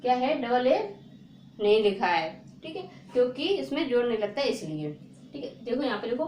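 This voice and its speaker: A woman teaching a spelling lesson, repeating words slowly and asking her viewers rhetorical questions. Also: a little high, sing-song, a little mellow. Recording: echoey room with faint noise.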